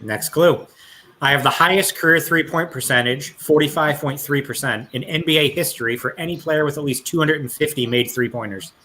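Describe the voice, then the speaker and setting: A man's voice: on the high side, brisk, sharp tone, slight background noise. A man hosting a casual trivia podcast over a call, reading clues aloud and laughing easily. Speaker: trivia quiz host.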